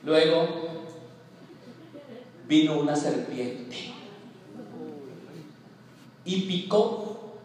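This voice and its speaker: A man's voice: fairly high pitch, drawn-out words, pauses often, darkish tone. A man preaching a sermon to a congregation, emphatic and repeating his key phrases, telling a parable along the way. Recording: echoey hall from far off with a congregation. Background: congregation answering.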